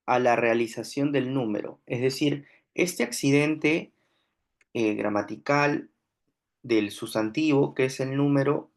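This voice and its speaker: A male teacher walks through a grammar lesson at an unhurried, careful pace. His voice sits at an ordinary middle pitch. He keeps pausing to check that his listeners are following. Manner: slow, deliberate explaining with frequent checks "¿no?". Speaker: language teacher.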